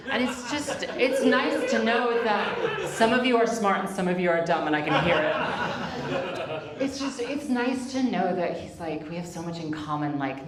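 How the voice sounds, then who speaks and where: A woman doing a stand-up comedy set, deadpan and self-mocking with quick asides to the crowd. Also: a little high. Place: comedy club stage. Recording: echoey club, distant mic, audience laughter. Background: audience laughter.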